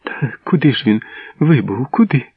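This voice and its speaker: A man's voice: fairly high pitch, animated, moderate pace, husky, dry recording, pitched above the performer's own voice. A desperate peasant mother, as a male narrator puts her on, pleading in a raised, breaking voice. The sound is dry and dull like an old radio reading.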